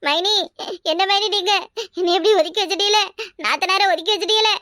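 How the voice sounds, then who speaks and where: A woman's voice: very high-pitched, fast, pushed and bright, no echo, clean studio sound. A woman voicing a meddling village sister-in-law with a Kanyakumari accent, accusing and dramatic. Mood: indignant. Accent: Kanyakumari Tamil. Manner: accusing, dramatic wailing complaints.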